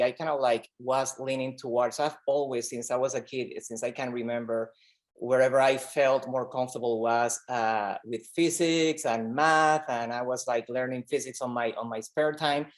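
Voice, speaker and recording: A man from Rico, a doctor telling his story in an interview, earnest and halting, with many fillers and repeated words. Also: mid-range voice. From Puerto Rico. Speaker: pediatric oncologist guest. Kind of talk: conversational interview.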